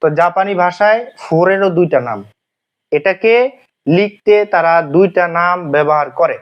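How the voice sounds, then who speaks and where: A man teaches a language lesson in a fairly high voice. He circles back over each point, asking a question and then answering it himself, with frequent hesitations. The recording sounds muffled and lo-fi. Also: normal speed. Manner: repetitive, asks and answers own questions, many fillers. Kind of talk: classroom lesson explanation. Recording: dull lo-fi sound.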